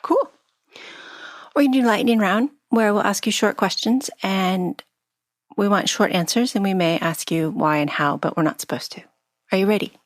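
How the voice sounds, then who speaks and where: A woman co-hosts a podcast, asking questions in a playful manner and laughing easily during a casual interview chat. Her voice is mid-range at a moderate pace, with no room sound.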